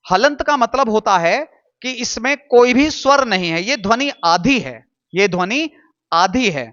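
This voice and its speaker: एक पुरुष शिक्षक जो कक्षा में धैर्य से पढ़ाता है, बातें दोहराता है और अक्षरों को धीरे-धीरे अलग करके बोलता है।. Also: male voice, high-pitched, expressive, fairly bright tone, highs cut off. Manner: patient, repeats and spells out syllables slowly. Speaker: Hindi teacher. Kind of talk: classroom lesson.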